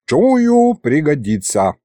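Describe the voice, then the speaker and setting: Brief: male reader voicing a pompous grumbling ghost, raised pitch, audiobook. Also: huge pitch swings, slow pace, dark tone, no echo, clean studio sound, full character voice. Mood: warning. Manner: grumbling, important-sounding. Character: grumbling male ghost sorcerer, self-important.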